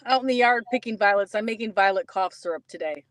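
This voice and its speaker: A woman speaking as a guest co-host, explaining things casually in a plain-spoken, somewhat halting way. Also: mid-range voice, dry recording.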